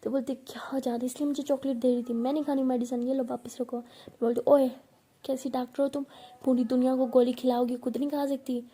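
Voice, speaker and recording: Dark-voiced woman telling a love story. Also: high voice, level tone, fairly quick, breathy edge. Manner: tender, intimate, voices both partners in the story. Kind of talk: first-person love story narration with acted dialogue.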